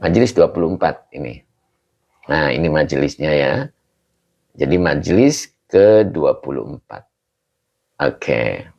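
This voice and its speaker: Male religious teacher, deep gravelly voice, patient with students on a lo-fi call. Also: animated, unhurried, long pauses, darkish tone. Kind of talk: online kitab class. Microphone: video call. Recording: dull lo-fi call audio.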